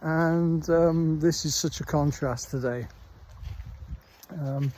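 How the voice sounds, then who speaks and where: His voice a little high with a darkish tone and fairly even intonation, the middle-aged Welsh vlogger rambles casually into a handheld phone. He pauses often, taking his time while walking his dog through the countryside.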